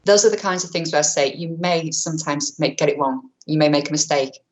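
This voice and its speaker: A woman with a low register gives an online training webinar about vulnerable clients through a webcam mic. She's brisk and chatty, correcting herself and using many fillers, and mentions that she has a powerful voice.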